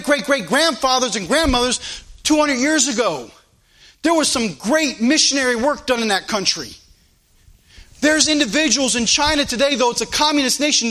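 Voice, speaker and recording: This live stream recording captures a pastor in a church sanctuary preaching with fervor and emphasis, posing many rhetorical questions in a very high, sharp-toned voice.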